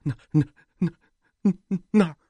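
Jittery, stammering young man, voiced high and animated, as the narrator puts him on. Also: moderate pace, husky, no echo. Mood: terrified. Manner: stammering, repeating words.

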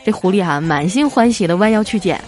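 A woman hosting a radio-style show, reading listener jokes aloud with playful storytelling and drawn-out particles. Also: mid-range voice, animated, a little mellow, soft background music.

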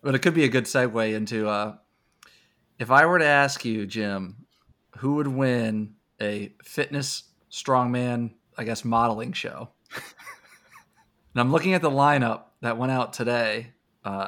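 Dude co-hosting a sports podcast, quick loose talk, medium voice, swears a bit. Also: male voice, mid-range voice, a bit bright. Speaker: podcast co-host. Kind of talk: casual podcast chat.

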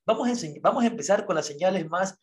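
A man hosting a casual talk show, telling stories in an animated way and asking rhetorical questions. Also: high-pitched, quick pace. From Ecuador.

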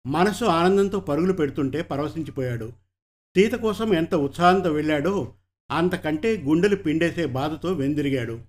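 A man narrating an audiobook story in a steady, measured way. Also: a little high.

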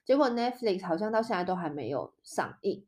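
A woman's voice: mid-range voice, big pitch swings, brisk, darkish tone. Young woman from Taiwan, casual podcast host, chatty, acts out little example lines. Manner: chatty, explains with playful example dialogues. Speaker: podcast host teaching Spanish. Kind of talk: casual chat.

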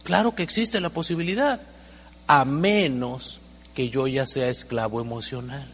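A man giving an animated seminar talk as a motivational speaker, acting out little dialogues with humor. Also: medium pitch, unhurried, husky. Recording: long hall reverb.

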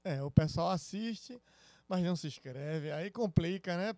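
A man's voice: high voice, expressive, measured pace, mellow, no echo. A man co-hosting a podcast, chiming in with short agreeing replies. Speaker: podcast co-host. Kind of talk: casual podcast chat.

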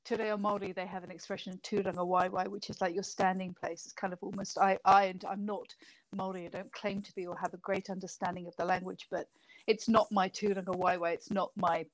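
Fairly quick and with little pitch movement, a medium-pitched woman's voice comes across on poor audio. She is a middle-aged former MP from Britain, talking loosely and chattily as an interview guest and laughing often.

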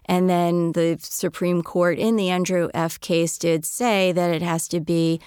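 A woman's voice: on the low side, level tone, measured pace, a little mellow, clean tone, no room sound, studio quality. A woman attorney hosting an interview, chatty and asking questions with friendly asides. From United States. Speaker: attorney, podcast host. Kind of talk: conversational interview.

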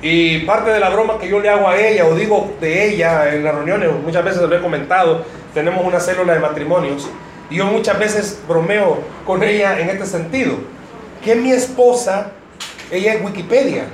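High-voiced joking pastor. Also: male voice, moderate pace. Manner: joking, addresses the congregation directly. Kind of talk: sermon to married couples. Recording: roomy hall, faint noise.

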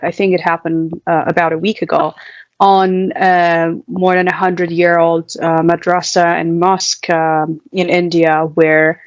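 Lady podcast host, lowish voice, halting questions, bit of a muffled lo-fi mic. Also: dry recording. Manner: hesitant, halting questions with many pauses. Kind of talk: conversational interview.

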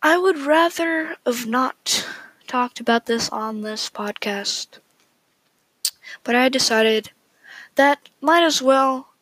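A woman hosts a solo podcast and talks in a slow, unhurried way. Her voice sits fairly high and she is opinionated and chatty, often restarting her sentences. The recording is close and dry, with no room sound. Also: a bit bright, no room sound, poor audio. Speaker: podcast host. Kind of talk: casual solo podcast talk.

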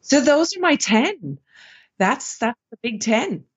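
A woman's voice: a little high, sing-song, slow, breathy edge, highs cut off. A woman with an Irish accent, a business founder talking as a guest on a podcast interview, upbeat and conversational as she gives practical tips. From Ireland.

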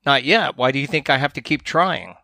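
A man's voice: mid-range voice, brisk, creaky, pushed and bright, no echo, studio quality. A man reading a curt, stubborn fly. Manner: curt, sarcastic. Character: frantic, stubborn, irritable fly.

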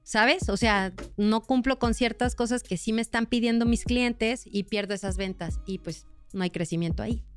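High, smooth-voiced Mexican woman from Guadalajara. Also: normal speed, few pauses, soft background music. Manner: chatty, laughs often, slangy. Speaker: tax advisor co-host. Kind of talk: casual panel chat.

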